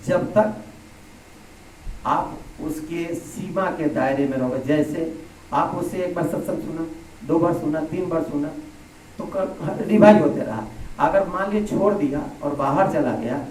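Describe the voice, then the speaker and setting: A man's voice: a little high, moderate pace, a little mellow, slight background noise. A man giving a spiritual sermon to a gathering over a microphone. He explains with plain everyday comparisons and repeats phrases for emphasis. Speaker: spiritual teacher. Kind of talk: satsang sermon. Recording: echoey hall, speaker heard from a distance.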